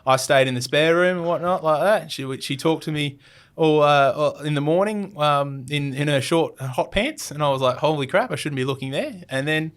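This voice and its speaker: A man's voice: fairly high pitch, moderate pace, smooth. Young aussie bloke rambling through a travel yarn, lots of ums and restarts, does the voices of people he quotes. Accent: Australian. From Australia. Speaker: podcast guest. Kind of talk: casual storytelling.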